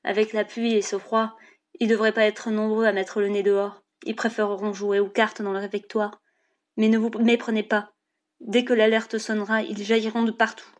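A woman's voice: mid-range voice, level tone, moderate pace, close to an everyday voice. A woman voicing a bold rebel leader with a cool, sardonic and persuasive manner.

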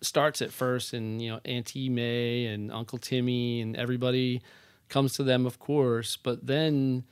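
A man guesting on a casual podcast, an animated storyteller who likes rhetorical questions. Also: mid-range voice, measured pace, clean tone, dry recording. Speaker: podcast guest, real estate agent.

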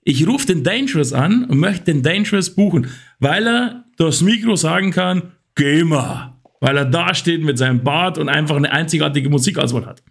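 A man's voice: on the high side, lively intonation, moderate pace, vocal fry, breathy edge. A man hosting a podcast, rambling through examples in casual chat. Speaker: podcast host.

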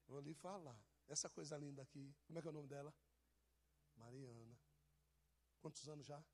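A man's voice: a little high, gravelly, husky. A man preaching, teasing and joking with people in his congregation. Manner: teasing, jokey, addresses people in the pews. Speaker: pastor. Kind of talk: informal sermon to a congregation.

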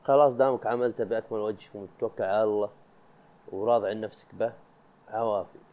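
A man's voice: lowish voice, fairly even intonation, fast talker, dark tone, muffled recording. A young man from Arabia, hosting a casual solo podcast in a chatty, rambling way, often breaking off mid-thought and laughing. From Saudi Arabia. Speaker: podcast host.

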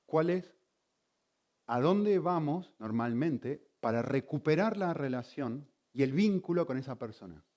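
A man preaching with a fairly high, very lively voice that swings up and down. He asks the congregation question after question as he teaches. His delivery stays animated throughout. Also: unhurried. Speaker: pastor. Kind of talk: sermon.

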